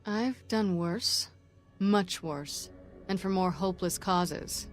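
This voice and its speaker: Christine, a terse wounded operative. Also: female voice, fairly low pitch, takes it slowly, soft background music. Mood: grim. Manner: terse, clipped, matter-of-fact. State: sore throat. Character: hardened female operative, wounded voice, grim. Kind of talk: video game dialogue.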